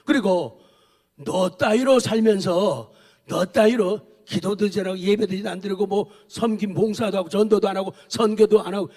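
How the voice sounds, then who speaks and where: A man's voice: high-pitched, darkish tone, lightly acted. A man preaching who voices a scornful, coaxing devil tempting a believer. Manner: taunting, coaxing. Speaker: pastor. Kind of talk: sermon.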